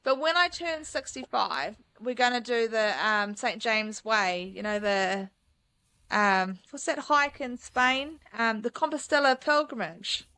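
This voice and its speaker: A woman's voice: a little high, measured pace, sharp tone, smooth, dry recording. A woman, a mountain guide chatting enthusiastically as a podcast guest, with lots of fillers. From New Zealand. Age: 30s. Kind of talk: casual interview chat.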